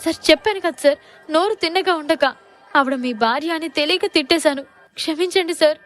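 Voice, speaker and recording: A woman's voice: high voice, fairly quick, fairly bright tone, faint music behind, voice pushed up. A woman narrator voicing a terrified male security guard who pleads in a trembling voice. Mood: pleading.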